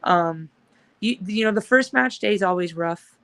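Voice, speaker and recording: A woman's voice: medium pitch, normal speed, a bit bright. Chatty upbeat woman, rambling. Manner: rambling, filler-heavy, upbeat. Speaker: guest, supporters' group organizer. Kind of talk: casual chat.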